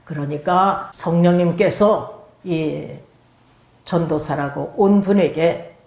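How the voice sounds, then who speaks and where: A woman's voice: on the low side, takes it slowly, darkish tone. An older woman pastor giving a testimony sermon, telling her story with animation and acting out prayers and pleas in other voices. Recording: echoey room.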